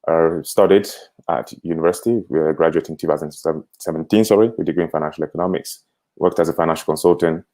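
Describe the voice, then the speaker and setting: A young man in his twenties from Cameroon talks as a livestream guest. His voice is very low, and he speaks in a relaxed, easy way with frequent chuckles. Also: fast talker. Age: 20s. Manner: relaxed, conversational, chuckles often. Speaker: guest, company co-founder. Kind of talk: livestream interview.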